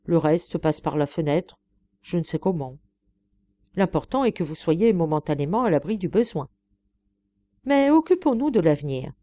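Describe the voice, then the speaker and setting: A woman reader voicing a grand, generous stage tragedienne who talks briskly and commandingly in an audiobook. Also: fairly low pitch, animated, mellow, dry recording, lightly acted.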